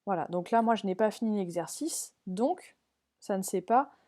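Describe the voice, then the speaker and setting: A woman's voice: medium pitch, animated, moderate pace, warm tone. A woman primary school teacher walking parents and pupils through a learning app on screen, step by step, patiently checking that they follow.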